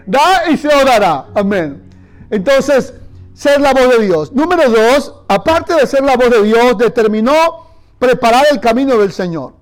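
A man's voice: very high-pitched, animated, a little slow. A male pastor preaching a sermon, telling stories and leading the congregation in call-and-response. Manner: storytelling, addressing the church directly.

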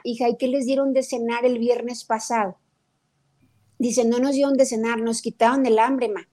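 Animated middle-aged Mexican woman, higher voice. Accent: Mexican Spanish. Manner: animated storytelling, acts out quotes of her daughter. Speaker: guest nutrition speaker. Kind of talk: conversational talk interview.

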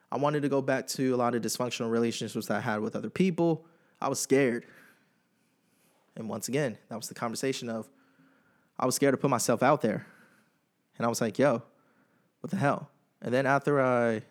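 A young man hosting a podcast, speaking candidly and emotionally in a casual personal monologue full of slang. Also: mid-range voice. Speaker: podcast host.

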